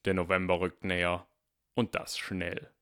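A man giving a measured, expressive scripted narration of a story. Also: low-pitched, slight background noise. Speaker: audiobook narrator.

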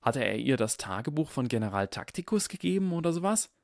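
Man reading an audiobook in a lively, dramatic way. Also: mid-range voice, fairly quick, creaky, dry recording, clean studio sound. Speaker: audiobook reader. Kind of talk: expressive audiobook narration.

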